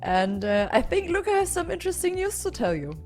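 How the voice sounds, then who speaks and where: A woman's voice: extremely high pitch, very animated, fairly quick, a little mellow, soft background music. A woman co-casting a live esports stream, upbeat, with many "uh" fillers. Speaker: esports co-caster.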